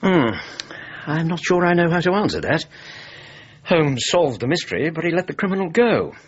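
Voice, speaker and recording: A man playing a warm, thoughtful married doctor and storyteller with a husky voice and an English accent in a radio drama. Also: on the high side, sing-song, normal speed. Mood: weary, reflective. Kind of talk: radio drama acting and narration. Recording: dull, muffled radio recording.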